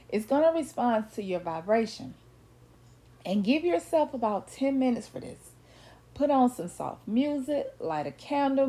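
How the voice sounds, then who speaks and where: A woman's voice: on the high side, dark tone. A woman teaching a motivational self-help routine, speaking emphatically, repeating her points and checking in with the listener. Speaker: manifestation coach.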